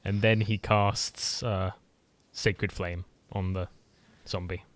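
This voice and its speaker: A man's voice: sits low, flat delivery, takes it slowly, no echo. A man playing a tabletop game, chatty and jokey, often correcting himself. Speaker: player. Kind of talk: casual tabletop game chat.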